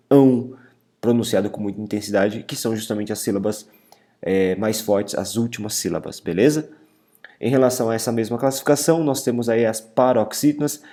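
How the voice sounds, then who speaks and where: A man teaching a video lesson, explaining step by step and stressing syllables loudly. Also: lowish voice. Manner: says "beleza?" and "galera" often.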